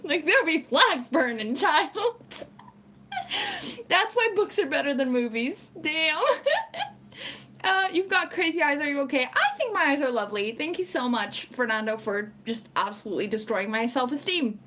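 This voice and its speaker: Portuguese girl, english second language, high voice, giggly and chatty, lots of likes. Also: big pitch swings, normal speed, bright, forceful tone. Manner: chatty, laughs a lot, lots of "like" fillers. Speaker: streamer reading chat. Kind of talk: casual live chat.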